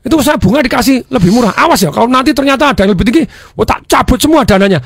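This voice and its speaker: A man's voice: high voice, expressive, very fast, no room sound, studio quality, pitched above the performer's own voice. A man voicing a bossy, wealthy older female bank client who demands favors and scolds. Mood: angry.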